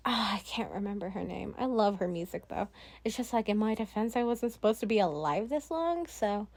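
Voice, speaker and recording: A woman's voice: medium pitch, animated, fairly quick, darkish tone. A teenage girl hosting her own podcast, rambling casually with lots of fillers, giggles and self-deprecating asides. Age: teens. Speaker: podcast host. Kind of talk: casual solo podcast chat.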